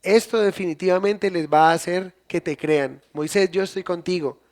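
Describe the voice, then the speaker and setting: A pastor voicing God as a calm, commanding male figure, giving commands in plain, everyday speech while retelling scripture in a sermon. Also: sits high, moderate pace. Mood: reassuring.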